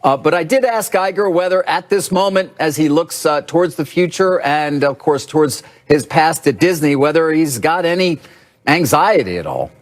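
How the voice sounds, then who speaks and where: A man giving an unscripted broadcast report as a business reporter, halting clause by clause. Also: a little high, expressive.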